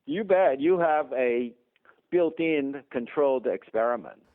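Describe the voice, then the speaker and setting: Over a dry, tinny phone connection, a dentist guest in an interview speaks with a Taiwanese accent at a medium pitch, a little slowly and with lively intonation. He explains emphatically and lets out frequent chuckles.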